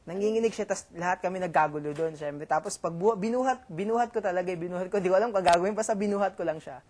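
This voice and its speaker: A young man with a Filipino accent telling a story in casual chat, halting with many fillers and restarts. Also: sits high, darkish tone. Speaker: reality show housemate.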